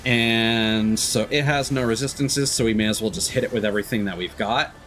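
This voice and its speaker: Game music plays under a man's somewhat low, slightly bright voice. He talks briskly, thinking aloud in a relaxed, rambling way as he works through a video game.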